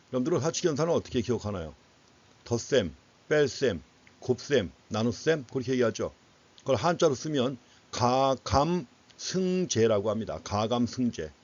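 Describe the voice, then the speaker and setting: A man delivers an explanatory economics lecture in a didactic style, questioning students and repeating key phrases for emphasis. His voice is medium-pitched and a little mellow, and the lecture audio is dull and lo-fi.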